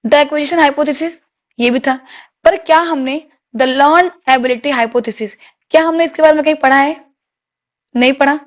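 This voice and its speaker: A woman teaching an exam-prep lesson, reading English questions slowly and explaining them in Hindi, asking the class questions. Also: high-pitched.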